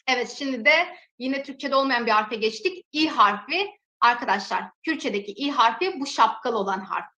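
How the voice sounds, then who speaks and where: A woman teaching a language lesson, slowly sounding out each example word twice and then explaining its meaning. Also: fairly high pitch, lively intonation, pushed and bright. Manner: slow, drawn-out pronunciation drills. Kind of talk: alphabet lesson with repeated example words. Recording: echoey room.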